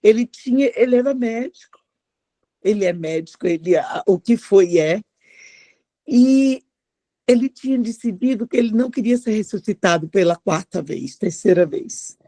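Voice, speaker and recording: A woman with a sleepy voice, speaking in a reflective, halting way in a spiritual group discussion. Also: mid-range voice, expressive. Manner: reflective, halting, soft-spoken.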